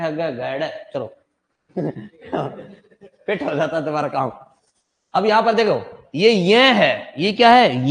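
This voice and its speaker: A man teaching a class, chatty and teasing, quizzing his students on how letters are said. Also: a little high. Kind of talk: joking classroom lecture. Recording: long hall reverb.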